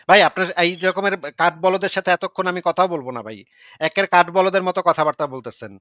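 Man, combative debate host, high voice, dry close sound. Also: sharp tone, smooth, dry recording. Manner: combative, scornful, hurls insults. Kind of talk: heated live debate.

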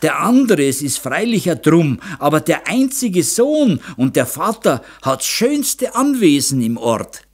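A doting, scheming Bavarian mother lectures and coaxes in a raised, lively voice, as a man puts her on in an audiobook. Her pitch climbs and falls a lot. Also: a little slow, few pauses. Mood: coaxing. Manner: coaxing, lecturing. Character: scheming middle-aged mother, fussy and doting. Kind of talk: audiobook character voice.

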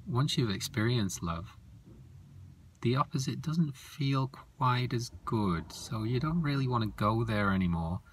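A man voicing a cheerful, calm male monster who explains things in a lively, earnest way. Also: medium pitch, a little slow, a little hiss or hum, pitched above the performer's own voice, lightly acted.

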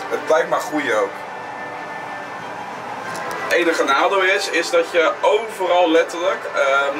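Chatty man, higher-pitched voice, music behind. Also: low-quality recording. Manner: informal, chatty, opinionated. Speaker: vlogger. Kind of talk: casual on-the-go vlog commentary. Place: outdoors walking around an amusement park.

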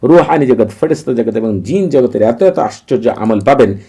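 A man teaching a religious ritual to viewers, giving steady, repetitive step-by-step instructions. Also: medium pitch, moderate pace, breathy edge. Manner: recites long Arabic formulas in a chanting cadence.

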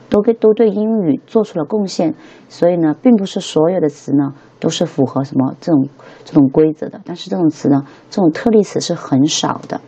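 Young woman, chatty teacher, low and husky, lo-fi recording. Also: mellow. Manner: chatty, keeps checking with listeners. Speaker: English teacher. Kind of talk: casual spoken lesson.

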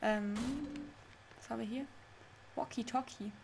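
A woman's voice: a little high, fairly even intonation, unhurried, vocal fry, noisy background. Chatty young woman streaming a game. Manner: chatty, laughs often, easily confused. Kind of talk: live let's play with chat reading. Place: home room.

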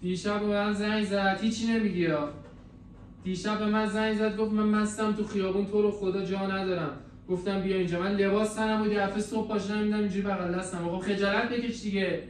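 A man's voice: high voice, fairly even intonation. A man hosting a hidden-camera prank, pleading and defensive. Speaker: prank video host. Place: indoor bedroom. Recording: echoey room, distant hidden mic, faint noise.

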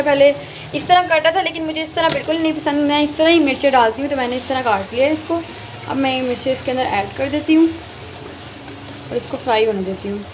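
In her home kitchen, a woman with a high voice chats straight to viewers, walking them through the cooking step by step with her phone held in hand. Loud frying sizzle and stirring sounds create background noise.

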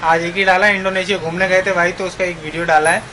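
A man's voice: sits high, flat delivery, fast talker, low-quality recording. A man in his thirties vlogging casually as he travels, talking straight to his viewers, recorded in a car on an action camera held at arm's length. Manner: chatty, addresses viewers directly. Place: inside a car on a highway. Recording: road and car noise behind.

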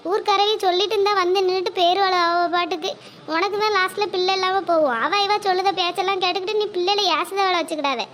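A jittery, kind-hearted older village woman voiced by a woman frets and scolds. The voice sits very high for her age. A faint noise floor runs under the cartoon audio. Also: steady tone, quick pace, a bit bright. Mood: scolding. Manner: worried, scolding, motherly lecturing. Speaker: cartoon character. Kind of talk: cartoon voice acting.

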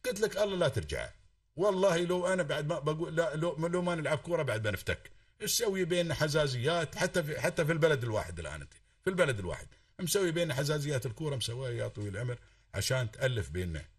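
A man's voice: on the high side, big pitch swings, racing, no room sound, clean studio sound, distant mic. A man with an Emirati accent calling in to a radio talk show, lecturing fervently and swearing oaths to stress his points. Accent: Emirati Arabic. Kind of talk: impassioned call-in talk.

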